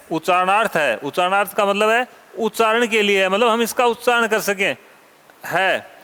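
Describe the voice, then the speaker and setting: High, bright-voiced man teaching Sanskrit grammar. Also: long reverb tail. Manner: asks questions and answers them himself; repeats key terms slowly and deliberately. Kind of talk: classroom lecture.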